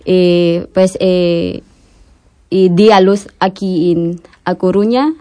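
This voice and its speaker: Slow, halting Filipino-accented woman, non-native Spanish. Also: lowish voice, fairly even intonation, mellow. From Philippines. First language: non-native Spanish speaker. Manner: halting, searching for words in simple broken Spanish. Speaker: interview guest. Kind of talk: live radio interview.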